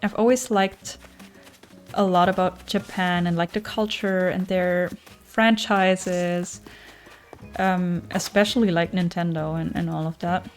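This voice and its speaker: With soft music in the background, a young German-accented streamer from a German-speaking region speaks a little slowly in a fairly low, fairly even voice. She's chatty and casual, working through viewer messages out loud and leaning on lots of fillers.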